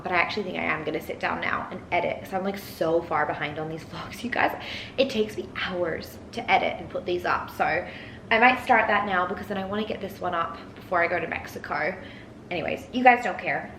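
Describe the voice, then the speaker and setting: A young woman with a soft Edinburgh Scottish accent blended with Australian, chatting casually to her phone camera in a rambling vlog style. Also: fairly low pitch, a little fast, reverberant, slight background noise, low-quality recording. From Scotland, raised partly in Australia. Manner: chatty, rambling, frequent "like" and "you guys". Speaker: vlogger.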